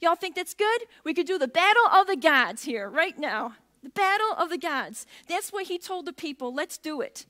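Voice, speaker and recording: A woman's voice: very high voice, very animated, moderate pace, few pauses, bright, forceful tone. A middle-aged woman preaching a sermon in a church, talking conversationally and putting questions to the congregation. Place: church sanctuary.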